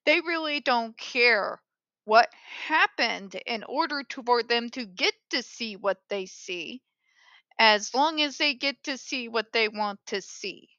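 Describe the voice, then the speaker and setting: A woman's voice: a little high, animated, takes it slowly, sharp tone, no room sound, lo-fi sound. A woman hosting an opinionated commentary show in a polished call-center phone voice, speaking in a blunt, sarcastic, emphatic way. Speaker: host of an advocacy commentary show.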